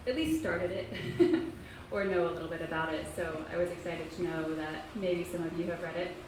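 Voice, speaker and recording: In an echoey public library meeting room with faint background noise, an author speaks casually to her audience. She's a woman in her thirties from Kentucky whose voice sits on the low side, and she talks softly and haltingly with many pauses and frequent ums.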